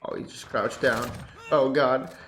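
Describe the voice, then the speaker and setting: In a mid-range voice and at a slightly slow pace, a young man with a stuffy, congested tone goes over his game settings and narrates his play. He's a competitive gaming YouTuber recording at home on a headset boom mic, easygoing but prone to excitable bursts. The sound is roomy with a touch of hiss or hum.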